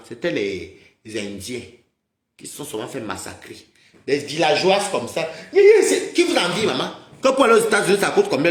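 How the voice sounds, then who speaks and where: A man's voice: a little high, fairly bright tone. Roomy-sounding agitated man ranting. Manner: mocking, scolding, repeatedly addresses viewers as maman. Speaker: livestream host. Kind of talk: heated livestream rant to viewers.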